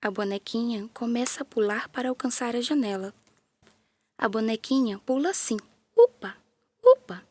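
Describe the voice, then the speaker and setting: Gentle Brazilian woman telling a children's tale. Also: on the high side, normal speed. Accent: Brazilian Portuguese. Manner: gentle, playful, with sound effects and character voices. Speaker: storyteller. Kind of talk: children's story narration.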